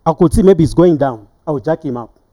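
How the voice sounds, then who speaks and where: A retired referee, a middle-aged Zambian-accented man, looks back on his career in an interview, pausing haltingly and repeating words. His pitch is fairly high and his tone dark, in a dry recording.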